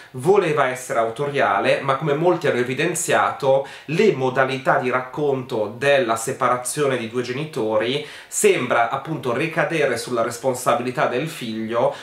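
A man giving casual spoken commentary as a video essayist, hesitant and filling pauses with many ums, in a critical tone. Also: mid-range voice, fairly bright tone, reverberant.

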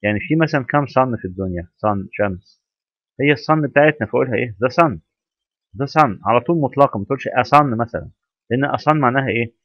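Fast-talking Egyptian man teaching English. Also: medium pitch, animated, a bit bright, dry recording, muffled recording. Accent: Egyptian Arabic. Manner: quizzing the listener with rhetorical questions; spells out English examples slowly. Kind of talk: grammar lesson.

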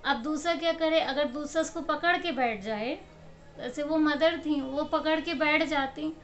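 A woman with a high-sitting voice gives a casual motivational talk straight into a camera mic, telling everyday stories, acting out what people say, and laughing often. She speaks at a measured pace; the audio is dull.

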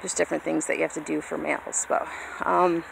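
With a gravelly voice, little pitch movement, and a fairly quick pace, a woman in her thirties chats casually and self-deprecatingly to viewers as a vlogger and hobby farmer. She films on a handheld phone at arm's length in an open grassy yard, and the windy recording carries outdoor noise and a vehicle-like rumble.

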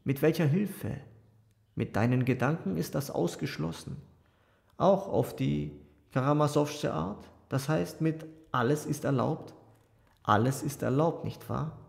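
A man's voice: fairly high pitch, unhurried, vocal fry, darkish tone. A man reading an earnest, pleading young monk. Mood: urgent. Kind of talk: audiobook character voice.

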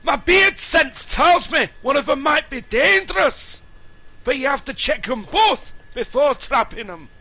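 A man's voice: very high voice, bright, forceful tone, heavily acted. A man voicing a bossy, scolding dwarf mine taskmaster in a cartoonish video game tutorial.

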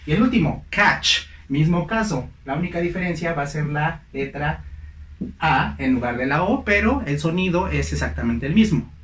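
A man's voice: fairly high pitch, lively intonation, fairly bright tone, echoey room, distant mic. A man teaching an English pronunciation lesson, drilling each word through careful repetition. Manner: drills words by slow repetition.

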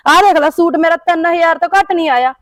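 A woman playing a very high, boastful village neighbour. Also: fast talker, dry recording, studio quality. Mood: defiant. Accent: Punjabi. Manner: boastful, defiant retorts.

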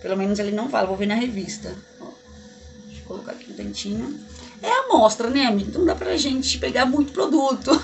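A woman from Brazil talks straight to her viewers as friends while trying on makeup in her bedroom. Her voice sits a little high, and she gushes and chats freely in a casual beauty-vlog style. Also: fast, creaky, soft background music. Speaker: beauty vlogger. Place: bedroom at home. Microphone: camera mic in a bedroom.

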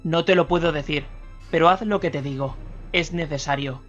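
A man's voice: on the high side, moderate pace, fairly bright tone, close to an everyday voice. A man playing an insistent anxious older man. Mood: firm. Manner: urgent, insistent. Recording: slightly dull radio recording, faint music.

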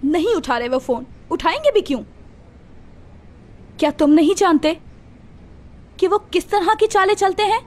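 A woman's voice: very high voice, lively intonation, moderate pace, pauses often. An actress playing an earnest, insistent young fiancée in her twenties in a dubbed TV drama. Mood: exasperated. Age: 20s. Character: earnest, affectionate young fiancée, gently scolding.

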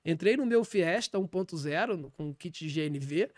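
A man with a Brazilian Portuguese accent playing a shameless self-styled apostle in a deadpan comic podcast monologue, rambling with preachy asides. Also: fairly high pitch, normal speed, dry recording, clean studio sound, natural voice. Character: brash, shameless male pastor calling himself apostle.

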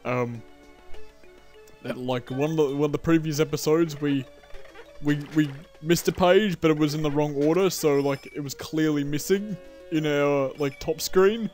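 A young man giving casual gameplay commentary as a let's play host, chatty and self-mocking, with frequent laughs and excitable outbursts. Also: fairly high pitch, normal speed, faint music behind.

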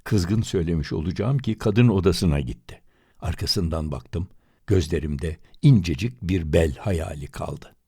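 A man reading a literary story aloud in first person, with an expressive, dramatic manner. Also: sits low, a little slow, gravelly, slightly rough, dry recording, studio quality. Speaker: audiobook reader.

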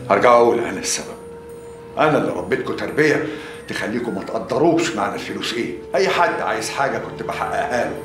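A man's voice: lowish voice, close to an everyday voice. An actor playing a stern, controlling wealthy father lecturing his son in Egyptian Arabic. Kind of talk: TV drama acting. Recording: roomy set with music score.

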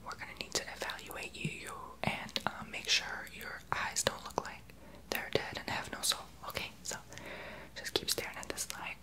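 A young male ASMR creator whispers softly and unvoiced, close to the mic in a small home office, playing a sassy, unqualified therapist. His remarks are blunt, sarcastic and gossipy, with a condescending mood. He speaks at a normal speed, and the recording is rough.

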